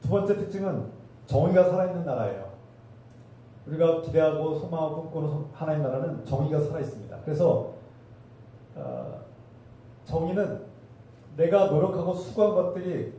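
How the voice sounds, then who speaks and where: A man preaching a sermon from a church pulpit, his voice mellow and dark, speaking a little high for a man. The sound is heard from a distance in a very roomy hall. A faint hiss sits under his voice. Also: lively intonation, brisk, pauses often. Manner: preaching with rhetorical questions to the congregation. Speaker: pastor. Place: church sanctuary.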